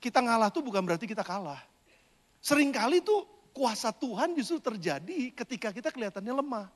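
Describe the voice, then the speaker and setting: A male pastor, preaching a lively, conversational sermon and sharing a personal testimony with the congregation. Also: very high-pitched, fairly quick. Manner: animated, conversational, addresses congregation as "saudara". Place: church sanctuary. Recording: long church reverb.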